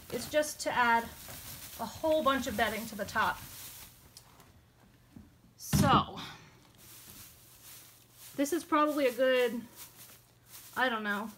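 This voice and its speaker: A chatty young woman with a fairly high voice talks through a casual how-to vlog indoors by her worm bins. She is slightly out of breath and fills pauses with ums as she explains each step. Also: fairly bright tone, slight background noise. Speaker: worm farming vlogger.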